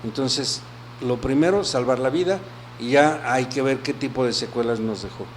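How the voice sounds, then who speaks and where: A man, an audiologist answering interview questions in an explanatory way, often checking in with a quick question. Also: medium pitch. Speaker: audiologist guest.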